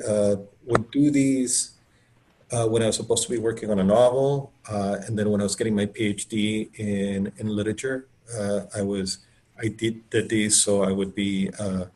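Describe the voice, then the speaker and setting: A middle-aged Colombian author joins a video call as a guest and talks casually. The fairly low, slightly mellow voice is enthusiastic and rambling, packed with fillers.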